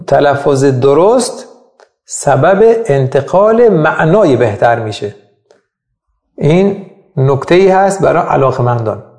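A male Quran teacher talks through a point with care, stopping to give examples. His voice is a little high and gravelly. The recording has a roomy echo. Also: darkish tone. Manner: thoughtful, explains patiently with examples. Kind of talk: explanatory religious lesson.

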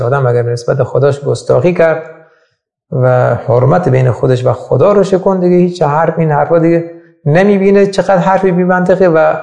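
A man delivers a religious lecture in a gravelly, fairly high voice. He keeps putting rhetorical questions to his listeners. The room around him is echoey. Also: dark tone. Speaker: religious teacher.

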